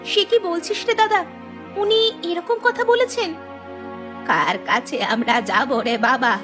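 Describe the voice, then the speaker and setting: In Bengali cartoon dialogue, a woman voices a distressed poor village woman lamenting the loss of her home, using a plaintive, wailing delivery with a worried mood. It's a full character voice, extremely high-pitched with huge pitch swings and an unhurried pace, with music in the background.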